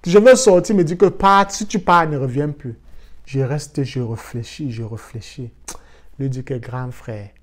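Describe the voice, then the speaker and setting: A man from Africa telling a casual personal story for his vlog in a lively way, dropping in English words. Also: medium pitch, a little slow. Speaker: vlogger.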